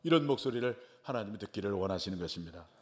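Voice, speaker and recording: Emphatic middle-aged pastor preaching. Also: male voice, lowish voice, animated, racing. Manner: emphatic, with sudden loud swells on key phrases and quiet drops after them; asks the congregation rhetorical questions. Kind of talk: sermon.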